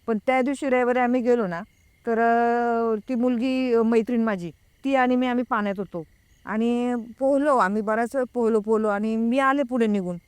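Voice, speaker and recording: A woman telling a personal story in a casual, hesitant way. She pauses to recall details. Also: fairly high pitch, fairly even intonation, darkish tone, clean tone, no echo. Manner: reenacts a friend's frightened words. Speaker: guest recounting a personal experience.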